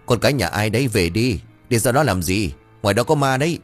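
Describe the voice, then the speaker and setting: A man as a gruff, scolding village man. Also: lowish voice, animated, brisk, soft background music. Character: gruff middle-aged village man, irritable.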